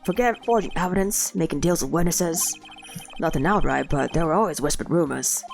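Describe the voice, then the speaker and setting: A woman's voice: sits low, a little fast, creaky, soft background music. A woman with a cold voicing a friendly, clumsy male police detective who calls everyone pal. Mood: earnest. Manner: folksy, calls people pal. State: sick with a cold.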